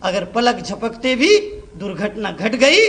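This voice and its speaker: A man giving a fiery sermon as a monk preacher, loud and emphatic, repeating phrases to drive points home. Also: high voice, big pitch swings, slow pace.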